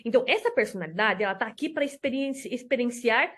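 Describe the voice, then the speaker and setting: A woman with a high voice gives a casual teaching talk as a therapist. She tells personal stories and voices both sides of conversations in an animated way. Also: fast talker. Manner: animated storytelling, acts out dialogue. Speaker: enneagram therapist. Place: lives in Spain.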